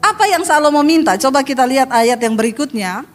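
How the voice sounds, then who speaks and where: Blunt high-voiced woman pastor preaching. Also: lively intonation, a little fast. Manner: blunt, scolding, mocking impressions. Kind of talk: sermon.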